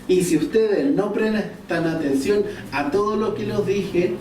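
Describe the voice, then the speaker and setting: A man's voice: high voice, a little slow, darkish tone. Man preaching in an echoey church. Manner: storytelling, asks the congregation questions. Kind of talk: sermon. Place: church hall. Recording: echoey church room, distant mic, faint noise.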